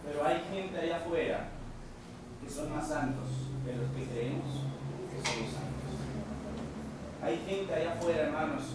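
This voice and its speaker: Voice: mid-range voice, normal speed, pauses often. A preacher delivering a sermon, often calling the listeners brothers and asking rhetorical questions. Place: church sanctuary. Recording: echoey hall, mic from far off, faint noise.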